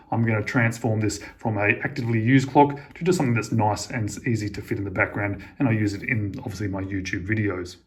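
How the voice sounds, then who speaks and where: Chatty man reviewing a clock. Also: fairly low pitch. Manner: chatty, enthusiastic, conversational. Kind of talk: casual product review.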